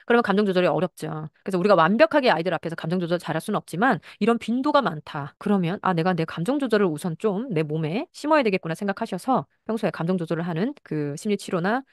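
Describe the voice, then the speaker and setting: A woman counselor giving parenting advice, now and then acting out a mother's and a child's lines in a higher voice. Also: expressive, fast, hardly any pauses, no echo, clean studio sound.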